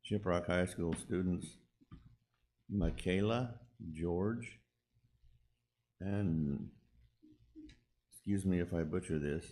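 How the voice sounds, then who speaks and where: A man chairing a school board meeting, calling the roll and introducing agenda items in a measured way. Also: low voice, dark tone. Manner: slow, deliberate, calling roll.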